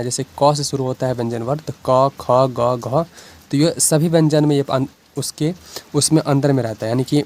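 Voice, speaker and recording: A man's voice: medium pitch, darkish tone. A man with a Bihari Hindi accent, in a mid-range voice, teaches a beginner's lesson. He explains step by step in a patient, repetitive way and keeps checking that the viewer is following along. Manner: patient, repeats "ठीक है ना" often.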